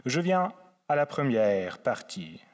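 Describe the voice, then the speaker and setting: A man with a German accent from Saarland gives a formal, measured academic lecture as a guest theologian. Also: medium pitch, very animated. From Saarland, Germany, on the French border. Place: large lecture hall at a faculty. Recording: echoey hall with long reverb.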